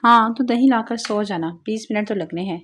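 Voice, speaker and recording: A woman voicing a gentle devoted young wife. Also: medium pitch, a little hiss or hum, lightly acted. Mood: teasing. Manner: soothing, affectionate.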